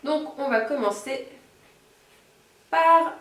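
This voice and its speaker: A woman's voice: high-pitched, fairly bright tone, distant mic, soft background music. Patient woman teaching in an echoey room. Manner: patient explaining, slows down to model Italian words. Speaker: Italian teacher. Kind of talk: online language lesson.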